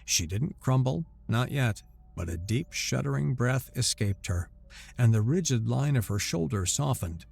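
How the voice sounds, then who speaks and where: A man narrating a scripted sci-fi romance story in a steady storytelling voice. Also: medium pitch, unhurried, creaky, breathy edge. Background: faint music.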